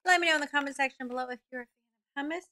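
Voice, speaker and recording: A middle-aged woman giving a casual product review to camera, speaking informally and haltingly into a desk microphone. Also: high-pitched, bright, forceful tone. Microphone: desk microphone close in front, seen.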